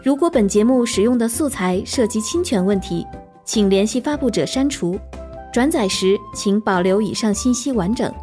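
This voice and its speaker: A woman announcer reading a scripted closing notice in an even, formal way. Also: medium pitch, moderate pace, faint music behind. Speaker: program announcer.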